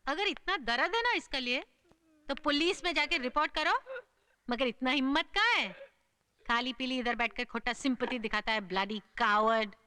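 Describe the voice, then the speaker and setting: A woman's voice: high voice, moderate pace, bright, forceful tone, smooth, no echo. An actress playing a bossy landlady who scolds in broken Hindi mixed with English. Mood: scolding.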